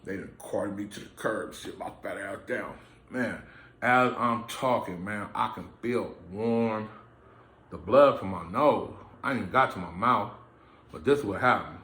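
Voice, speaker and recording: A man's voice: on the low side, unhurried, a bit bright, reverberant. A man vlogging to his camera from a room indoors, telling a personal story in a blunt, streetwise way and swearing freely. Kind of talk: profane casual storytelling. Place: indoor room, filming himself under lights. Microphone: camera mic.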